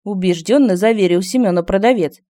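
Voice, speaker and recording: A woman narrating a story in a calm reading voice. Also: mid-range voice, brisk, no room sound, studio quality. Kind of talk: scripted narration.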